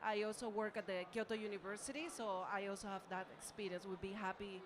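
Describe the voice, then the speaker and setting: A woman from Venezuela, a scientist and startup founder, introducing herself in an earnest, steady way. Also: mid-range voice, fast, noisy background. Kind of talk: conference self-introduction. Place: conference room with audience.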